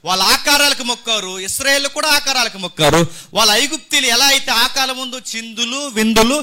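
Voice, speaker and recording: ప్రసంగం చేస్తున్న మధ్యవయస్కుడైన పాస్టర్, ఒక్కసారిగా బిగ్గరగా, మళ్లీ మెల్లగా మారుతూ నాటకీయంగా బోధిస్తాడు. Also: male voice, very high-pitched, fast. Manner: dramatic preaching with sudden loud and soft swings. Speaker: pastor. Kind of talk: Telugu sermon.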